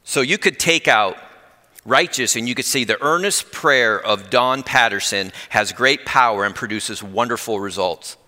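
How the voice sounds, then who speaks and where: A middle-aged man giving a conversational sermon with personal testimony, earnest and growing excited, speeding up when fired up. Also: medium pitch, normal speed. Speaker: lay preacher. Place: church. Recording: long reverb in a church hall.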